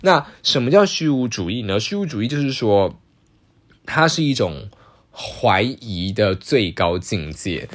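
A man's voice: on the low side, very animated, measured pace, a bit bright. A man hosting a podcast monologue, explaining ideas in an exasperated, sarcastic lecturing way. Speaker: podcast host.

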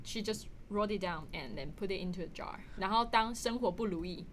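A woman's voice: mid-range voice, a little fast, slight background noise. A woman with a Taiwanese Mandarin accent, chatting casually as a podcast host and slipping English phrases into her Mandarin. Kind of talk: casual chat.

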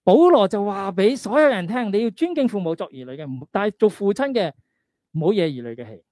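A male pastor gives a conversational sermon in a Hong Kong Cantonese accent. His voice sits fairly high for a man and has a very soft, mellow tone. He exhorts his listeners, often posing questions and checking that they follow. The recording is close and dry. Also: lively intonation, quick pace, no room sound. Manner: exhorting, asks rhetorical questions and check-in tags. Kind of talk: conversational sermon with scripture readings.

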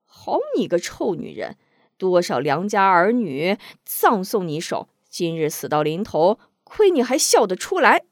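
A man's voice: on the high side, lively intonation, unhurried, dry recording, studio quality. A woman doing a stern, hot-tempered innkeeper man. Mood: cold angry. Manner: cold sneering, then barking commands. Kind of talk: storybook reading.

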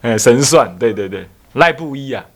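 A man's voice: mid-range voice, animated, moderate pace. A man, a Buddhist abbot giving a dharma talk, telling a story with rhetorical questions and acted-out voices.

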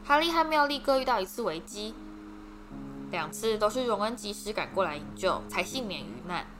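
Female audiobook reader, steady dramatic delivery, mid pitch, music bed. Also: brisk. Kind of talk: storybook narration. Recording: background music.

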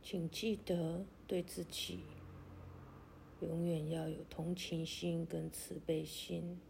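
Woman, sleep-story meditation narrator, very slow, soothing, even low-key intonation, long pauses. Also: vocal fry, a little hiss or hum. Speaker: guided meditation host.

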